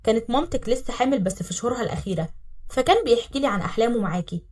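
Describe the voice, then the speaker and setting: A woman's voice: a little high, animated, racing, darkish tone, recorded from a distance. A woman voicing a blunt, teasing young man with an Egyptian accent in a spoken story. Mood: gentle.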